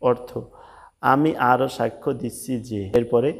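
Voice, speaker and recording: A man teaching a prayer recitation step by step, drawing out the Arabic words in a slow chant and spelling out letters and vowel marks between brisk explanations. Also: mid-range voice, fairly even intonation. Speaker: religious teacher.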